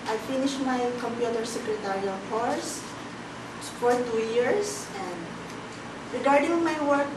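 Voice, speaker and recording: A woman in her twenties from the Philippines answers questions as an applicant in a mock job interview, sounding formal, rehearsed and polite. Her voice is on the high side and unhurried. The recording is echoey, with a distant mic and background noise.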